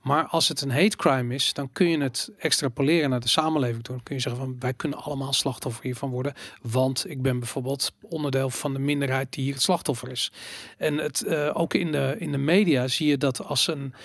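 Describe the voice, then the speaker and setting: A man's voice: medium pitch, fairly even intonation, a little fast, fairly bright tone, dry recording, clean studio sound. A man co-hosting a casual podcast discussion, talking hesitantly with many fillers and restarts. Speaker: podcast co-host.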